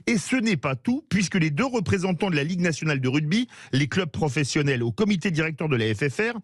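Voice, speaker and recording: A man hosting a sports radio talk show, introducing guests and asking questions in a measured way, sometimes correcting himself. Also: a little high, very animated, husky, dry recording, studio quality. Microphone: studio microphone.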